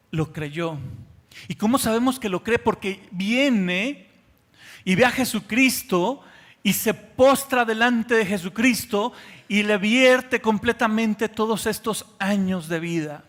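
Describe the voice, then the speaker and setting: High-voiced preaching man in a reverberant hall. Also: unhurried. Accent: Mexican Spanish. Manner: impassioned preaching, swinging from soft to loud. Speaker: pastor. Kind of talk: sermon.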